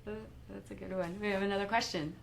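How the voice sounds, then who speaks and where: A woman's voice: medium pitch, fairly even intonation, fast, gravelly, a little hiss or hum. A woman hosting a live interview, asking questions in a friendly, giggly way. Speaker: interviewer host.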